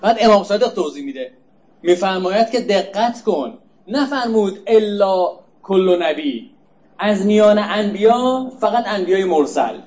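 A man preaching a religious lecture, explaining verses and posing rhetorical questions that he answers himself, sometimes repeating words softly for emphasis. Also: high voice, lively intonation.

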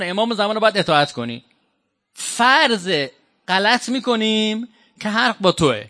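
A man from Iran delivering a sermon, walking through scripture in a conversational, questioning way. His voice sits high and sounds bright and forceful. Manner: conversational, addresses audience directly with questions. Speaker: preacher. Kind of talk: sermon with Quran exegesis.

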